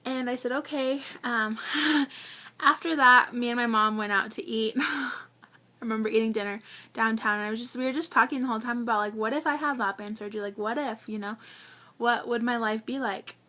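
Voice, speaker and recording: A woman's voice: fairly high pitch, fairly quick, bright, forceful tone. A young adult woman telling her own story in a casual, chatty vlog, full of fillers and restarts. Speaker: vlogger.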